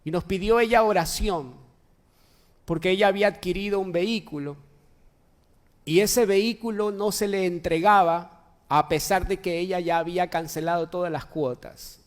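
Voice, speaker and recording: A high-pitched man preaches a sermon from a church pulpit. He presses his points hard, repeating phrases and firing rhetorical questions at the congregation. His voice rings out with a long, echoing hall reverb. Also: moderate pace. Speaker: pastor. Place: church sanctuary.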